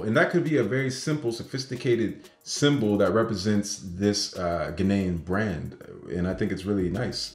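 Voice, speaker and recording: A man casually talking through his car brand design ideas, animated and excitable, often checking in with "right?". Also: mid-range voice. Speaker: vlogger. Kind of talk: casual design talk to camera. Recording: echoey room with faint music.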